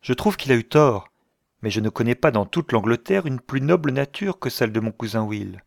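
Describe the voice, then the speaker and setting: A man reading the part of an earnest young woman who speaks gently and pleads for peace. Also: mid-range voice, animated, a little fast, creaky, no room sound, clean studio sound. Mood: firm.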